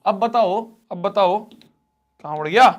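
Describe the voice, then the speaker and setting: A man's voice: sits high, a little slow. A young man teaching math in a live online class, repeating himself and half-scolding, half-pleading with his students.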